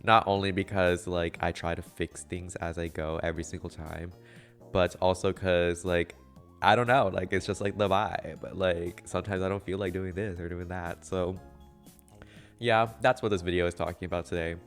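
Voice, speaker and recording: A young man with a stuffy nose and a nasal, slightly monotone voice, casually talking through a game tutorial voiceover with lots of filler words. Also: deep voice, moderate pace, soft background music. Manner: a little monotone, with frequent fillers.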